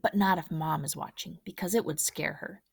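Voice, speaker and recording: Woman gently reading a picture book. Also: deep voice, steady tone, normal speed, gravelly, breathy edge, no room sound, clean studio sound. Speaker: storybook reader.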